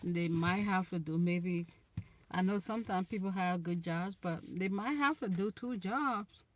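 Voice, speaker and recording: In a fairly low voice that runs a little slow, a young Liberian relationship host with a Liberian accent chats casually on a live stream. She responds to viewers with earnest advice, restarting her phrases often.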